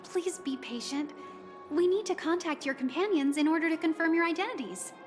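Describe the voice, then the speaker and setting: A woman's voice: very high voice, brisk, big-room sound, soft background music. A woman playing a polite, flustered young hotel receptionist in a video game, with formal customer-service courtesy.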